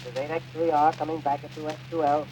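A ham radio operator coming back on a call, clipped and businesslike. He speaks quickly in a flat tone. He sounds distant, like an old over-the-air transmission with faint hiss. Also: fairly high pitch, dull audio. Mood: brisk. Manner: clipped call-sign reply. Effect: ham radio reply from a distant station.

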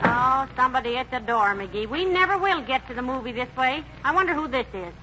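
A performer playing a patient, gently teasing wife in a 1940s radio comedy, vintage broadcast sound. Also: male voice, very high voice, expressive, a little fast, dull audio, a little hiss or hum, heavily acted. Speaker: comedy co-lead.

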